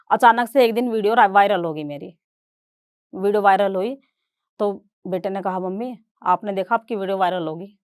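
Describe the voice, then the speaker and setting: A woman's voice: fairly high pitch, no room sound, studio quality. A middle-aged woman giving a stage talk, retelling her family story and voicing relatives in quoted dialogue. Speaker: guest speaker.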